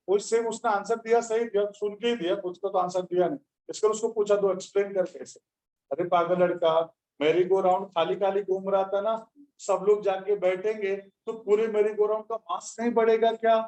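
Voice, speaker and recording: A man with a high, raised voice lectures a class. He scolds sternly and addresses students as children. He then explains physics step by step. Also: flat delivery, a little fast, darkish tone, rough recording. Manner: stern, lecturing students, calls them beta. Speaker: physics teacher.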